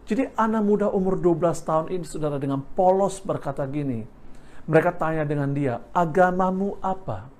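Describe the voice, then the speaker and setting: A male pastor preaching a sermon, constantly addressing the congregation and slowing down on key words for emphasis. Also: a little high, darkish tone.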